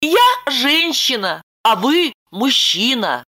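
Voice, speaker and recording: A flustered young woman in an audiobook, as the woman reading puts her on. She speaks high and pleading, her pitch swinging widely with every worry. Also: sing-song, slow pace, pushed and bright, heavily acted. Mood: fretful, pleading. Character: anxious fretful young woman. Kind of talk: audiobook character voice.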